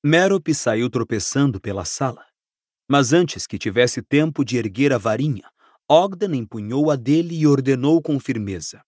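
Expressive male audiobook narrator. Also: mid-range voice, no echo, studio quality. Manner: expressive, dramatic storytelling.

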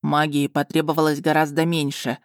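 A woman voicing an overjoyed, overwrought male dragon in an audiobook, speaking a little lower and with earnest warmth. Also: level tone, fairly quick, no echo, studio quality, lightly acted. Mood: calm, pleased.

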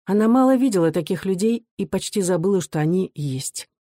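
An audiobook reader narrating a classic novel in a measured, expressive way. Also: mid-range voice, no echo, clean studio sound. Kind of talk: literary narration.

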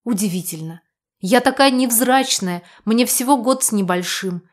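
A woman narrating a first-person novel as an audiobook, in an expressive, emotional reading. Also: a little high, normal speed.

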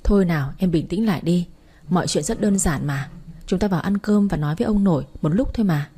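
A woman voicing a calm young man who gently reassures his girlfriend. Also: lowish voice, fast talker, a little hiss or hum, close to an everyday voice. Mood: coaxing.

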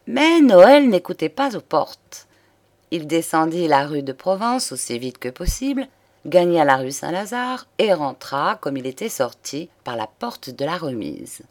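A woman reading a detective novel aloud in a calm, measured storytelling way. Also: low voice. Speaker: audiobook reader.

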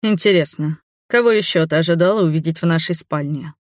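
A woman's voice: low voice, fairly quick, no echo, studio quality, close to an everyday voice. Woman voicing a sarcastic young man. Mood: mocking. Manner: mocking, sarcastic. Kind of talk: audiobook character voice.

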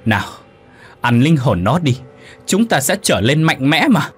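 A man's voice: mid-range voice, very animated, unhurried, slightly rough, faint music behind, voice pushed up, exaggerated voice. A man voicing a vengeful young female ghost who screams her demands in a storytelling narration. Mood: furious.

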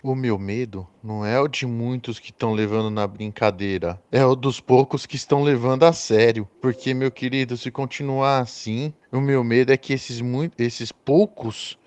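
Brazilian guy, middle voice, calm earnest podcast talk. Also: mid-range voice, normal speed, hardly any pauses, slight background noise. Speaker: podcast co-host. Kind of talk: casual podcast discussion.

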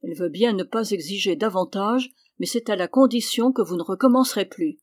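A woman's voice: mid-range voice, brisk, dry recording, lightly acted. Brief: woman reading a heavy-set middle-aged male master, commanding, voice rising, dry close sound. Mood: placating. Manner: commanding, raised voice. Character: stout middle-aged male master, anxious then furious.

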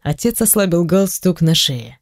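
An audiobook reader narrating a first-person story in an even, storytelling manner. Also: medium pitch, normal speed, no room sound, clean studio sound.

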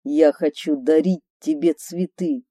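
A woman reading a boastful but tender male gang leader in slow, earnest, confiding tones. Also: sits low, fairly even intonation, warm tone, no room sound, studio quality, voice pushed down.

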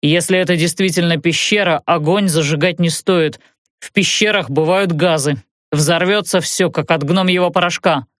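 A woman reading the lines of a stern, calm man who leads a group of prisoners, giving measured orders in an audiobook. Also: fairly low pitch, no echo, clean studio sound, natural voice. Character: stern male prisoner leader, calm and commanding. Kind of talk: audiobook narration.

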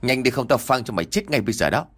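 A furious middle-aged father in an audiobook story, spitting out rapid, harsh threats, as a male narrator puts him on. The voice sits low and swings widely in pitch. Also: lively intonation, a bit bright. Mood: enraged.

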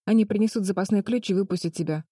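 A woman's voice: mid-range voice, fast, mellow, slightly rough, no room sound, studio quality, voice pushed up, natural voice. A woman voicing a brave thirteen-year-old girl who argues eagerly and insistently. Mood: urgent.

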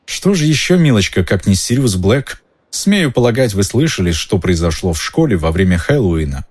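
A man's voice: lowish voice, very animated, moderate pace, a little mellow, breathy edge. A man voicing a stout, pompous government minister with a confiding, ingratiating manner in an audiobook. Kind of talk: audiobook character voice.

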